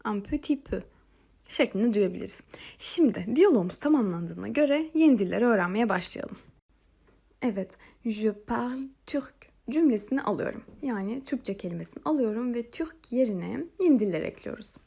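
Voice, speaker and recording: Woman from Turkey, patient French teacher, gravelly and breathy, lively pitch, repeats phrases slowly. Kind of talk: language lesson narration.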